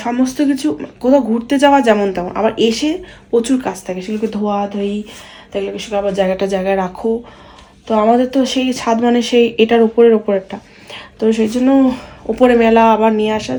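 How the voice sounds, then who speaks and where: A young woman chats casually in a home vlog, talking softly and quietly with rambling fillers and restarts. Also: on the high side. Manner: speaks softly and quietly so as not to wake her sleeping son. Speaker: vlogger. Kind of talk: casual daily-life vlog chat.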